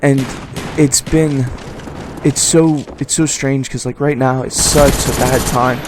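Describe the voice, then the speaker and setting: A man in his twenties giving casual video game commentary, halting, stuttering and mumbling. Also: medium pitch, fairly even intonation, noisy background. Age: 20s. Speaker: gaming YouTuber doing commentary. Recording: voice over loud game gunfire.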